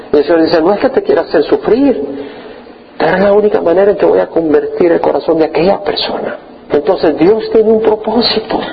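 A man preaching a sermon as pastor, lively and acting out the voices he quotes. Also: sits high, muffled recording, slight background noise. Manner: animated, acts out quoted voices.

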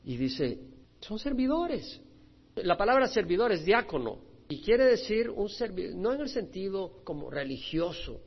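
Man, pastor, animated sermon, high-pitched, muffled lo-fi recording. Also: a little slow, husky. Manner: animated, acts out quoted voices and swings loud and soft. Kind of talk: expository sermon. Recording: dull lo-fi recording.

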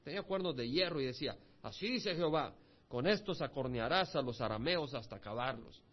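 Animated preacher with a lively voice. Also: male voice, mid-range voice, a little fast. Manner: animated, reads scripture then explains it with asides to listeners. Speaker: pastor. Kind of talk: expository Bible sermon. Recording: muffled lo-fi recording.

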